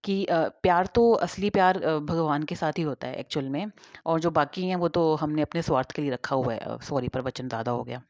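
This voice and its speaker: A woman's voice: low-pitched, fairly quick, a little mellow, no echo. A woman talking informally and directly to her viewers in a casual advice monologue. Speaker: advice vlogger. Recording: dull, dry lo-fi recording.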